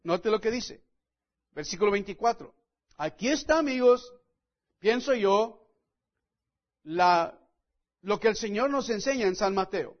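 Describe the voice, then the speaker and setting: Earnest male preacher, high voice, measured slow delivery, leaning hard on key words; muffled lo-fi sound. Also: lively intonation. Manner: earnest, repeatedly addresses listeners as friends; emphatic, stresses key words. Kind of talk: sermon with scripture reading.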